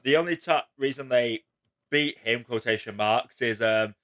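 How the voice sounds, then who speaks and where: A man's voice: mid-range voice, normal speed, a bit bright. A man hosting a casual film chat, rambling with lots of filler words and casual swearing. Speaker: host.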